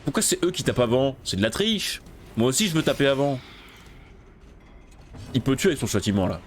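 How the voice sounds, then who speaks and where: Narrating his own game run let's-play style, a man with a mid-range voice and big pitch swings talks briskly, cursing loudly whenever things go wrong and muttering as he plans. There's slight background noise.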